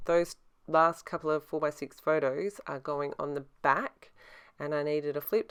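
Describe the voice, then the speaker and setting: A middle-aged woman narrates a craft process in a low, very smooth and clear voice. She speaks casually, with a slight lisp from her braces and a mouth that is a little sore. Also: fairly bright tone. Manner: talks with a sore mouth from newly adjusted braces. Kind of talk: casual craft tutorial voice-over.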